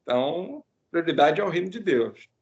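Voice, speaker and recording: A man's voice: a little high, big pitch swings, normal speed, darkish tone, lo-fi sound. A man in a prayer group who preaches informally, earnest and exhorting, with tag questions.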